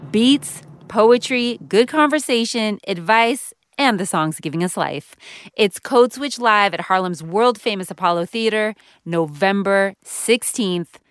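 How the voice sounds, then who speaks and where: A woman co-hosting a radio podcast, reading a brisk, upbeat scripted promo. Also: mid-range voice, animated, no echo. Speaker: podcast co-host. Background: music bed.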